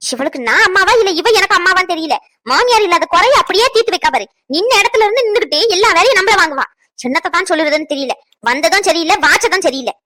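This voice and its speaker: A woman's voice: extremely high pitch, expressive, fast talker, fairly bright tone, no echo. A woman doing a grumbling, nosy cartoon mother. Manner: scolding, grumbling. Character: grumbling middle-aged mother, nosy and fussy. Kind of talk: cartoon voice acting.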